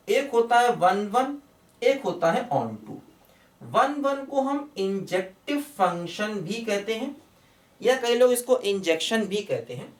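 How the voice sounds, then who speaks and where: A man teaching a maths lecture to students online, in a fatherly way, addressing them as children and repeatedly telling them to look and pay attention. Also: high-pitched. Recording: roomy echo, mic at a distance.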